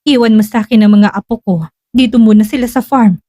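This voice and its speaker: A woman's voice: fairly high pitch, steady tone, brisk, mellow, dry recording, clean studio sound, lightly acted. A woman voicing a heartbroken, stern middle-aged mother who accuses her son through tears, then turns cold and firm. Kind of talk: dramatic storytelling.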